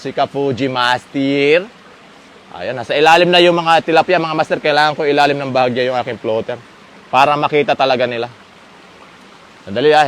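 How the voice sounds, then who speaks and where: A man giving chatty, playful live commentary while fishing outdoors by a stream, laughing often and shouting with excitement when a fish bites. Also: on the high side, slight background noise. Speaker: fishing livestreamer.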